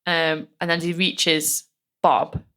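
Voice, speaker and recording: A woman's voice: sits low, level tone, takes it slowly, sharp tone. A woman, chatting casually on a true-crime podcast and retelling events with lots of fillers. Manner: chatty, many fillers, acts out quotes. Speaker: podcast co-host telling the case.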